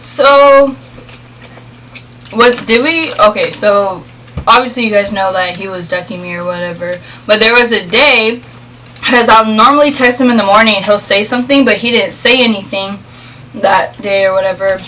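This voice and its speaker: Bright-voiced young woman telling a story. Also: medium pitch, moderate pace, recorded from a distance, slight background noise, low-quality recording. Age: young adult. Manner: informal, filler-heavy speech with frequent "like". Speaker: vlog co-host. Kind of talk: casual storytelling chat.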